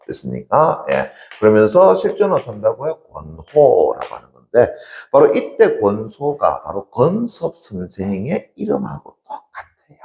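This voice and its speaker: A man's voice: on the low side, vocal fry, a little mellow, reverberant. A man teaching a literature class in a lecture style, asking rhetorical questions and answering them himself.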